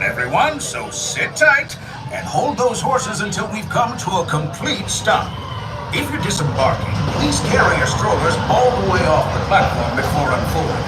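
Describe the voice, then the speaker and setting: An actor playing a cheerful old-timey train conductor with a folksy drawl, played over an outdoor loudspeaker. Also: male voice, high voice. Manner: folksy drawl, lively sing-song delivery. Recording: distant loudspeaker with loud music.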